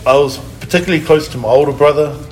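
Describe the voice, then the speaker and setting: A man from New Zealand in his fifties with a New Zealand accent, a guest in a casual interview who speaks softly and hesitantly, with many ums. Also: a little high, very fast, a little hiss or hum, rough recording.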